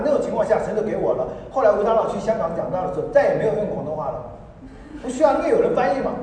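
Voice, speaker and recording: Laughing pastor in an echoing hall. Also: male voice, sits high, a little hiss or hum. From Taiwan. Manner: lively, laughing, acts out voices. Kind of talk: storytelling sermon. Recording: echoey hall, voice from far off.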